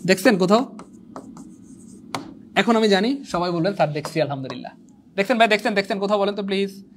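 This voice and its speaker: A young man who teaches an exam prep lecture in an animated, teasing way, repeating points and quizzing his viewers. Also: high-pitched, fairly quick, noisy background. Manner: animated, repetitive, teasing, asks the viewers questions. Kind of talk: online lecture.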